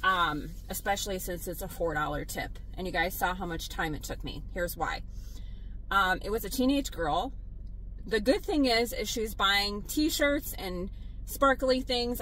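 A woman, a delivery driver vlogging from her car, blunt and animated as she tells her stories. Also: medium pitch, a little hiss or hum, low-quality recording. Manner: exasperated, blunt, animated storytelling. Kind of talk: casual vlog venting to viewers.

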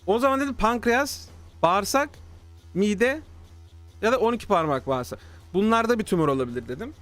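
A man streaming live, telling a story casually to his chat, animated and swearing freely. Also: high-pitched, brisk, faint music behind. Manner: animated, swears freely, acts out quoted dialogue.

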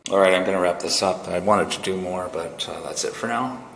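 His voice sits low and is gravelly and a bit bright, moving fairly quickly. As a fire alarm technician apprentice, he thinks aloud informally while working on ceiling spaces and wall panels indoors, and the handheld camera recording picks up noticeable background noise.

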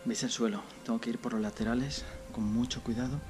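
A young man with a Spain Spanish accent, narrating as he carefully explores an abandoned building, often talking low and cautiously. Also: steady tone, a little fast, music in the background. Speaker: urban explorer vlogger. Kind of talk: casual vlog narration. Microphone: action camera.

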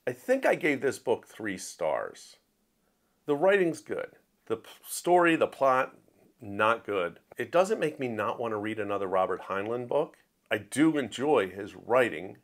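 Speaking in a fairly low but slightly bright voice, a man hosts a book review show. His talk is a casual, opinion-heavy monologue that becomes emphatic when he lands a point.

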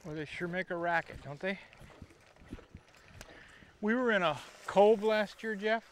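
High-voiced man hosting a fishing trip. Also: a little slow. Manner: excited, coaching the angler. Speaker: fishing show host. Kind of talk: casual on-the-water chat. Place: outdoors on a boat on a river. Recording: outdoor boat audio, faint noise.

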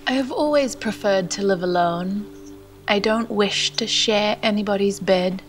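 A Canadian woman narrating a travel vlog in a gentle, hushed voice that sometimes drops to a whisper, and reading poetry aloud. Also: mid-range voice, a little slow, faint music behind. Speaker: vlogger. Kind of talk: soft-spoken voice-over narration and poetry reading.

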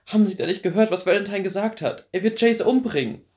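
A man voicing a desperate, defiant teenage girl in an audiobook, speaking high and loud with urgent pleading. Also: fast, natural voice.

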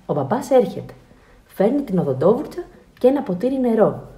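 Woman narrating a children's picture book, expressive and lively. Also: medium pitch. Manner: expressive storytelling. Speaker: children's book reader and translator.

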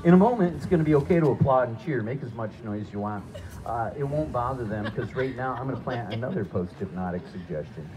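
A man's voice: medium pitch, lively intonation, quick pace, dark tone. A man hosting a live stage hypnosis show, giving short, repetitive, directive commands and showman patter to participants and audience. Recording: noisy, muffled live stage recording.

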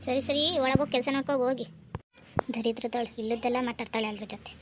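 A woman voicing a harsh, scornful mother-in-law who scolds loudly in a cartoon story. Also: fairly high pitch, fairly even intonation, fast, noisy background, close to an everyday voice. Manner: sharp, scornful, loud scolding.

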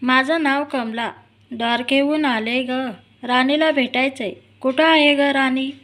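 A woman doing a bitter scolding old woman, high voice, storybook tale. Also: fairly even intonation, measured pace, a bit bright. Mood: pleading. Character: angry poor old woman with a stick.

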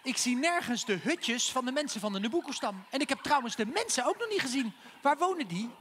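An actor playing a cheerful, naive, childlike clown on stage, chatting playfully with the children in the audience. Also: male voice, extremely high pitch, big pitch swings, fairly quick, fairly bright tone, a little hiss or hum, full character voice. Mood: puzzled. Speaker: stage comedian. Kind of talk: live children's theatre comedy. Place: theatre stage.

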